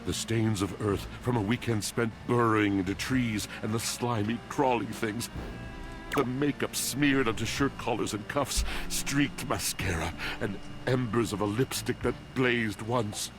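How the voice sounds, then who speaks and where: A man plays a melancholy appliance from a dating game, speaking like a storybook villain in a very low voice. The delivery is theatrical and poetic, a grand brooding monologue with prominent music behind it. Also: measured pace, lightly acted. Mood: anguished, poetic. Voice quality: deep, villainous voice. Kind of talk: dating sim game voice acting.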